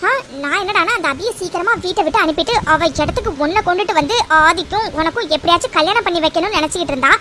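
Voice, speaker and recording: Woman doing a scheming cartoon mom, super high bright voice, fast and naggy. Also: a little hiss or hum. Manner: agitated, scolding, shrill. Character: scheming, fretful mother plotting against her daughter-in-law. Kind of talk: cartoon voice acting.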